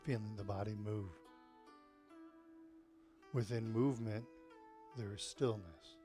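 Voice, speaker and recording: Serene, hushed man cueing tai chi movements. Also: on the low side, soft background music. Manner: calm, hushed, sparse phrases with long pauses.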